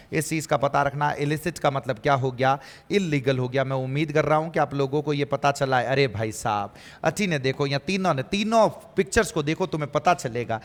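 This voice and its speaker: Brief: male teacher, fairly high voice, drills words by asking and answering himself, long hall reverb. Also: normal speed. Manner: repeats key words, asks and answers his own questions. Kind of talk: exam-prep English vocabulary lecture.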